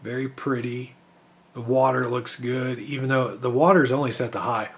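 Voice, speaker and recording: A man's voice: mid-range voice, steady tone, moderate pace. Man losing his voice, talking over gameplay. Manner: rambling, thinking aloud with fillers. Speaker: PC gaming benchmark creator. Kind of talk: casual gameplay commentary.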